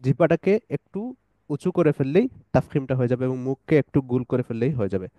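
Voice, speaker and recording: A man's voice: medium pitch, expressive, quick pace, no echo, highs cut off. A man teaching a pronunciation lesson, saying each letter sound over and over for listeners to repeat, with English phrases mixed in. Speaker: tajweed teacher.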